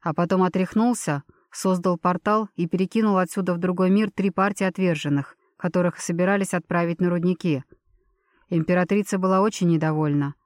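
A woman reading a first-person fantasy novel as a steady audiobook narrator, voicing the dialogue with small lifts. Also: fairly low pitch, brisk, no room sound, studio quality.

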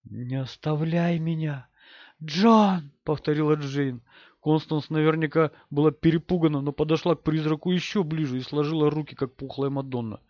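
A man narrating a horror audiobook in a measured, steady way. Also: fairly high pitch, no room sound, muffled recording.

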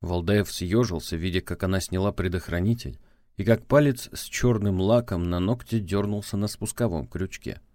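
Here a male audiobook narrator, his voice very low, works through scripted narration at an even, deliberate pace. There's no echo; the close recording is entirely dry.

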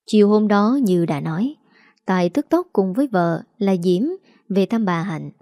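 A woman's voice: medium pitch, expressive, normal speed, mellow, no room sound, clean studio sound. A woman narrating a family drama story in a dramatic storytelling manner.

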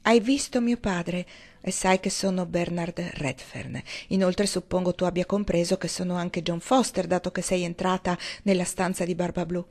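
An impassioned young husband in a storybook, urgent and earnest, rushing through declarations, as a female narrator reads him. The voice stays near the narrator's own, lifted by emotion. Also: on the low side, fairly even intonation, darkish tone. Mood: explaining.

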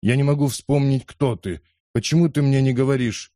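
A man's voice: mid-range voice, normal speed, dark tone, dry recording, studio quality, pitched above the performer's own voice, close to an everyday voice. A man voicing a proud, querulous, very old lord in an audiobook. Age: older.

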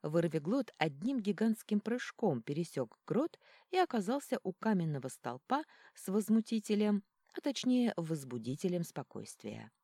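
A woman with a low, dark, husky voice reads a story aloud. Her pitch moves a lot as she tells it, and the sound is close and dry. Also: normal speed, dry recording. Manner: lively storytelling with acted character lines. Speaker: audiobook narrator. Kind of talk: expressive audiobook narration.

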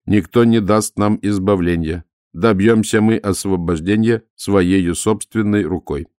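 Man voicing a calm, measured clay golem. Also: lowish voice, no echo, studio quality, lightly acted. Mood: calm earnest. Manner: even, measured, unhurried.

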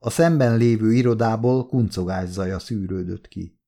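Low-voiced male audiobook narrator. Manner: calm, measured reading with slow pauses at key moments.

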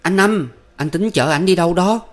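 Man voicing a panicky girl, high and pushy, kinda far off. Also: moderate pace, close to an everyday voice. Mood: anxious. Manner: high pleading put-on woman's voice. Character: frantic young woman, pleading and shrill.

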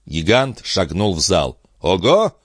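Low-voiced male audiobook narrator. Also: lively intonation, moderate pace, no room sound, studio quality. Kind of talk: scripted narration.

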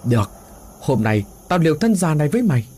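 A man voicing an old village shaman in a horror story, speaking gravely and urgently, in a husky voice. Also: fairly high pitch, very animated, fast talker, darkish tone, voice pushed up. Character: old male village shaman, protective and self-sacrificing.

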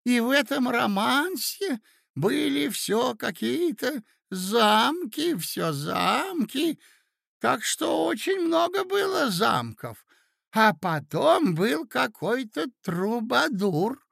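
Brief: doddering elderly prince, excitable and confused, shrill and lively. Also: male voice, vocal fry, dry recording, studio quality, full character voice. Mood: muddled. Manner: babbling, high-pitched and gushing.

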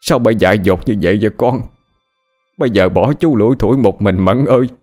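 Man playing an older country uncle, low voice, muttering sadly. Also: fairly quick, faint music behind, lightly acted. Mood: grieving. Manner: muttering, lamenting. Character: older rural uncle, grieving and uneasy.

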